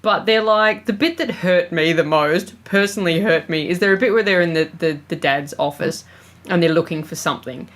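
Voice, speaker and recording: A woman with a fairly low voice co-hosts a casual film podcast. She talks with animated indignation and swears freely, and her voice leaps high when she gets outraged. She sounds close to a podcast microphone. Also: fairly quick. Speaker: podcast co-host. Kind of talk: casual film review chat.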